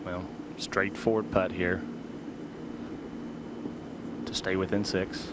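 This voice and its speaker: A man's voice: sits low, little pitch movement, slow pace. A man giving analysis as a golf commentator during a tournament. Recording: outdoor broadcast, clear ambient noise.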